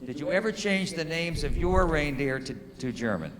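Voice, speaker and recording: Male lawyer, measured questioning, echoing courtroom. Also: on the high side, animated, background noise. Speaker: attorney. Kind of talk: courtroom examination in a mock trial. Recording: long hall reverb.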